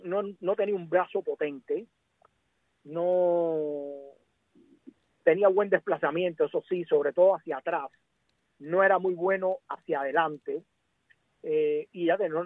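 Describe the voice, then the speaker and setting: With a fairly high pitch and no room sound, a man from Cuba joins as a guest commentator for a casual sports discussion, speaking in a Cuban accent with emphasis and repeated words. The connection is narrow, much like radio or a phone.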